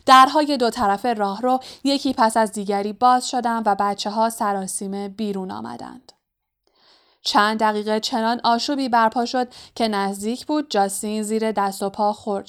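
A woman reads a fantasy novel aloud in a steady narrating voice of middle pitch. She moves the story along at an even pace. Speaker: audiobook narrator.

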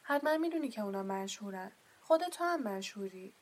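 A woman reading as Hagrid, gruff giant. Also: medium pitch, expressive, close to an everyday voice. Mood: emphatic. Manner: loud, blunt, indignant. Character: huge gruff male gamekeeper, quick-tempered.

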